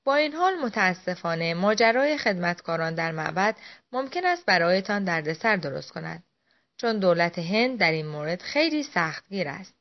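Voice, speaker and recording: A woman's voice: on the low side, very animated. A woman reading the lines of an earnest, concerned British officer in an audiobook. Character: British officer, worried, quick to anger. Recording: dull lo-fi audio.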